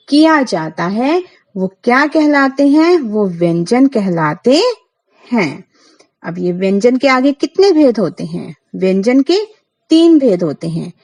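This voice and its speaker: Woman, school teacher, slow careful pace, fairly high pitch, asks questions then answers, sounds out letters one by one. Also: darkish tone, low-quality recording. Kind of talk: Hindi grammar lesson for schoolchildren.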